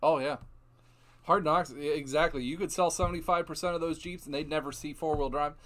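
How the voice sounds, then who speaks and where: A man from Ohio hosting a casual live stream, telling lively dealership stories with frequent laughs. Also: a little high, fairly quick. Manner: animated storytelling, laughs often. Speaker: host.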